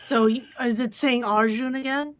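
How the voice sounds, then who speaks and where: A woman's voice: a little high, steady tone, moderate pace, no echo. A woman taking part in a casual script discussion. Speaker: workshop participant.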